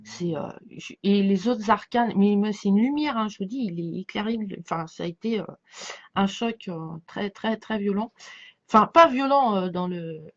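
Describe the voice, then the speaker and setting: A woman with a slight lisp chatting casually as a tarot reader, halting and circling back, often leaving thoughts unfinished. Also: medium pitch. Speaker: tarot card reader giving a reading to followers. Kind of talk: casual rambling chat over a tarot spread. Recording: dull lo-fi sound.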